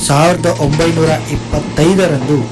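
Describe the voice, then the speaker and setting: A man giving formal, measured scripted narration between scenes of a stage drama. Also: fairly high pitch, steady tone. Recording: narration over music.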